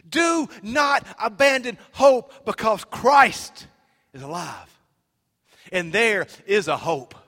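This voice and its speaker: A man preaching a sermon as pastor, swinging from shouted exhortation to hushed, near-whispered pleading. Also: very high voice. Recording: long reverb of a large hall.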